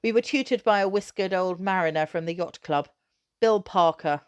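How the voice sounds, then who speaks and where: Reading a children's story aloud, a teacher uses her smooth, slightly low voice expressively, pacing her phrases carefully and stressing words as a storyteller would.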